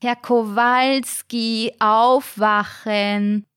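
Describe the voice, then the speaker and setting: A woman voicing a stern female care worker with a shrill, scolding voice. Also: steady tone, drawn-out words, a bit bright, clear, resonant tone, dry recording, clean studio sound.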